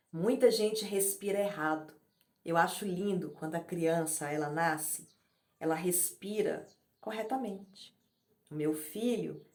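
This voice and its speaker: Lively woman coach in an echoey room. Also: on the low side. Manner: informal and lively, demonstrating breathing and acting out quoted phone messages. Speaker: speaking coach. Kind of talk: online class teaching self-presentation. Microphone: camera in front of her.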